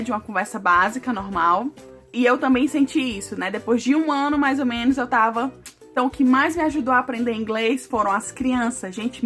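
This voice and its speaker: Talking to camera in a relaxed, chatty way, a young Brazilian woman vlogger speaks with a Brazilian Portuguese accent and a slightly high, fairly bright voice. She addresses viewers as "gente" and often drops in "né" and "sabe."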